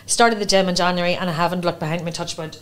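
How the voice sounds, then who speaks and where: A woman's voice: fairly low pitch, steady tone, fast talker. A woman with a Northern Irish accent hosting a podcast interview, chatty and affirming. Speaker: podcast host. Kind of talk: casual interview chat. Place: studio set with armchairs. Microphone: boom microphone on stand.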